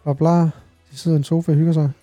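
Dark-voiced, dry-witted podcast host. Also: male voice, on the high side, flat delivery, dry recording, soft background music. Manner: dry, teasing questions and mock-serious advice. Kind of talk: casual podcast chat.

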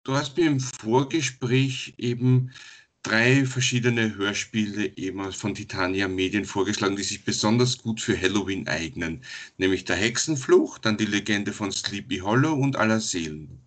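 Low-voiced male podcast host. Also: normal speed. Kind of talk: interview podcast hosting.

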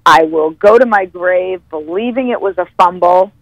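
A woman football analyst telling stories as a podcast guest, animated and stopping to correct herself. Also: on the low side, moderate pace, no echo, low-quality recording. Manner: animated storyteller, corrects herself mid-sentence. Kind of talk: podcast interview.

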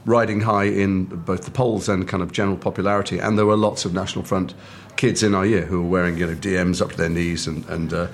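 A middle-aged man from England, an actor telling lively anecdotes over lunch and acting out the other people's lines. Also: low voice, fast, a little hiss or hum. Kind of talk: casual chat, animated anecdote. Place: restaurant table.

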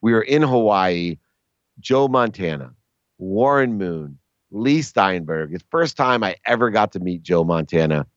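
A middle-aged man, a sports agent guest, telling stories in a casual, animated way and jumping to a high pitch when he quotes people. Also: unhurried, no echo. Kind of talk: casual storytelling. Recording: dry, dull lo-fi sound.

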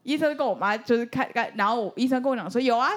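Young Taiwanese-accented woman, podcast co-host: quick, animated, very expressive pitch. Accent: Taiwanese Mandarin. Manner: animated storyteller, laughs often, high-pitched when quoting. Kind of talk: casual chat.

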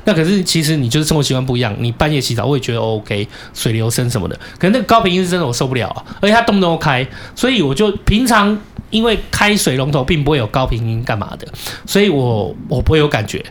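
A man with a Taiwanese Mandarin accent telling a story in casual chat, cursing and shouting when he acts out his anger. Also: on the high side, expressive, fast, few pauses, a little hiss or hum. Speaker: podcast co-host.

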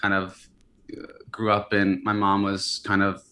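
Speaking a little slowly in a voice on the low side, this early-thirties man, a founder from California and Hawaii, gives a relaxed interview. He hesitates often, filling gaps with fillers and restarting his sentences.

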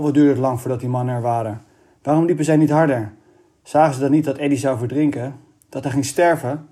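A man reading a children's novel aloud in a steady, expressive way. His voice sits at an ordinary pitch and has a mellow, relaxed tone. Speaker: audiobook reader.

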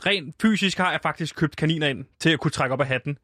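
A male radio host in comedic banter, spinning absurd ideas with a deadpan tone and sudden jumps in pitch when acting out lines. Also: no room sound, studio quality.

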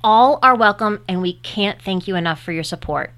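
Woman cohost on a wedding podcast, jokey and giggly, pitch jumps around a lot, dry sound. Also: animated, normal speed, a bit bright, no echo. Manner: joking, giggly. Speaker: podcast co-host, wedding planner. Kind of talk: casual chat.

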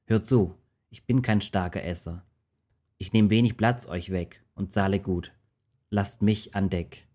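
A man's voice: on the low side, fairly even intonation, unhurried, darkish tone. A man voicing the runaway prophet Jona, a grown man who flees in fear and then turns carefree, in a rhymed storybook reading. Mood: cheerful.

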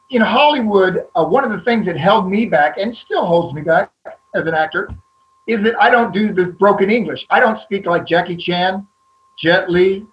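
High-voiced man, candid and rambling. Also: dull audio. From American South. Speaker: actor, panel guest. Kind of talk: panel discussion.

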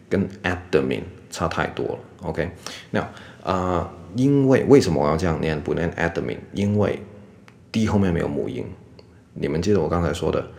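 A man teaching English pronunciation in a casual video lesson, dropping "OK" all the time, slowing down to demonstrate and repeat sounds. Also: low-pitched, creaky, a little mellow. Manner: sprinkles "OK" and English asides constantly. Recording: echoey room.

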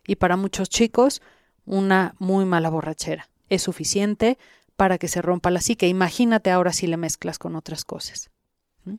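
A woman's voice: lowish voice, moderate pace, dry recording, clean studio sound. A woman with a Mexican Spanish accent, speaking as an interview guest in an instructive way, addressing the listener directly. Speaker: interviewed guest who guides sessions. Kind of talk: explanatory podcast interview.

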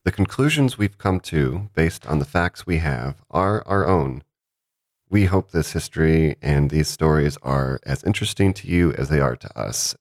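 A man from the United States co-hosting a podcast, talking in a relaxed, conversational way. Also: rumbling low. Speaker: podcast co-host. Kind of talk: casual podcast chat.

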